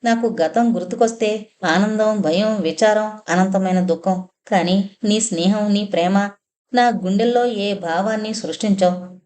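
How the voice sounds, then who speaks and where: A woman's voice: mid-range voice, measured pace, a little mellow, natural voice. Woman voicing a grieving young blind woman. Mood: anguished. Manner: tearful, pleading.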